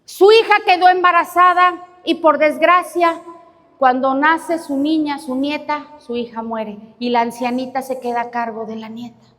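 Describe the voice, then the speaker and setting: A woman preacher tells a story with animated drama, her voice pitched very high. She speaks in a large retreat hall, and a long reverb trails behind her. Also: moderate pace. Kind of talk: sermon storytelling.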